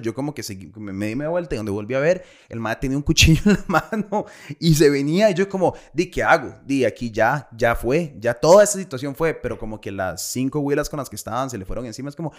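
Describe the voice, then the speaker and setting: Brief: young Costa Rican guy, mid pitch, animated slangy storyteller who laughs a lot. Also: fast talker. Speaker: podcast co-host. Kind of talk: casual storytelling.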